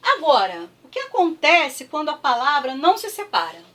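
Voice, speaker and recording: Brazilian lady teacher going over a lesson, high-pitched, keeps asking "tá?", sounds a bit off-mic. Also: huge pitch swings, a bit bright, far from the mic. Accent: Brazilian Portuguese. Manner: patient, repeats words slowly with clapping, frequent "tá?" checks. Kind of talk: classroom review lesson.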